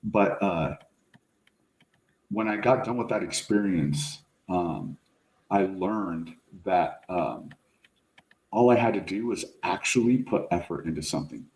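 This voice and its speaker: A middle-aged man, a fire service officer, telling a story as a podcast guest in a casual, animated way, full of slang. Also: low voice, measured pace. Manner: animated, slangy, says "like" and "bro" often. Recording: roomy echo.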